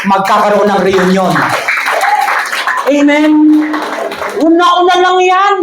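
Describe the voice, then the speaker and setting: A woman pastor giving a sermon to a congregation. She tells jokes, laughs along, and speaks directly to her listeners. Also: a little high. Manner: humorous preaching with jokes and laughter. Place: church hall. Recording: echoey hall with faint ambience.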